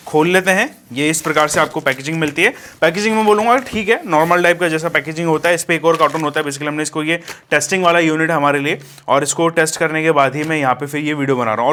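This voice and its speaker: Man, slightly high voice, chatty unboxing review, friendly with viewers. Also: fairly bright tone, slight background noise. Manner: casual, addresses viewers as friends, many fillers. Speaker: DJ equipment vlogger.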